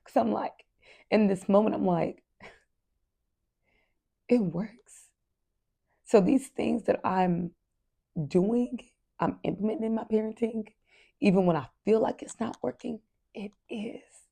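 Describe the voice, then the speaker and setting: A woman's voice: mid-range voice, moderate pace, creaky, mellow. A woman hosting a parenting podcast, talking candidly and earnestly straight to her listeners. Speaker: podcast host. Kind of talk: casual podcast monologue.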